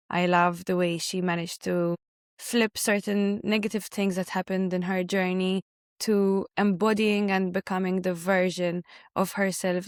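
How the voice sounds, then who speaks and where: A woman's voice: medium pitch, clear, resonant tone, no room sound, studio quality. A woman hosting a podcast, opening with a scripted intro and then inviting her guest to share her story. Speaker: podcast host.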